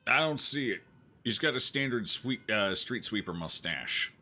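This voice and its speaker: A man's voice: on the low side, expressive, normal speed, sharp tone. A man hosting a gaming video, giving casual, wry and joking commentary as he plays.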